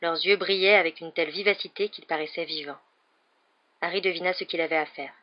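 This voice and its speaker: Reading a French novel for an audiobook, the narrator keeps a measured, steady delivery of the scripted text. A mid-range voice comes through on dull, lo-fi audio.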